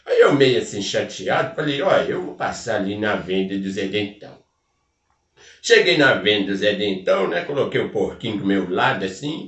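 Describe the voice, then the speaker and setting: With a medium-pitched, fairly bright voice, a man plays a folksy rural storyteller in a Minas Gerais caipira accent, rambling through a comic folk tale packed with country interjections and asides. A distant mic gives the sound a roomy quality.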